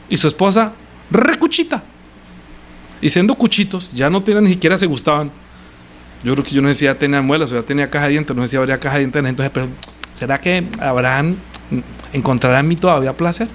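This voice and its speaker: A middle-aged pastor preaches in a church, his voice sitting a little high for a man. He talks to the congregation in a conversational way, tossing them rhetorical questions. A faint ambient hum runs underneath. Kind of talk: sermon.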